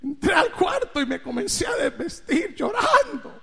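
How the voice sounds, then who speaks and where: A man preaching, telling a dramatic personal story with big swings in loudness and pitch. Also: sing-song, normal speed, gravelly. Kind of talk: storytelling sermon. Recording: reverberant hall.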